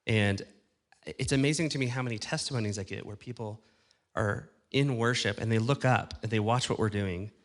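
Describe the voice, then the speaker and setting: A man's voice: lowish voice, normal speed. A man speaking on stage at a conference about church production, talking casually to a live audience, checking in with questions and poking fun at himself, his voice a little worn. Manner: conversational, asks the audience questions, self-deprecating. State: losing his voice.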